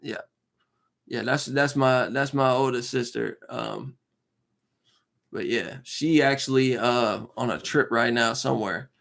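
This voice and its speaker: A young man in his mid-twenties talks off the cuff on a live stream. He rambles and circles back, scattering slang, fillers and asides. His voice sits at an ordinary male pitch. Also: unhurried, creaky, fairly bright tone. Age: 20s. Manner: rambling, slangy, full of fillers and "you know what I'm saying". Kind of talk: casual live-stream chat.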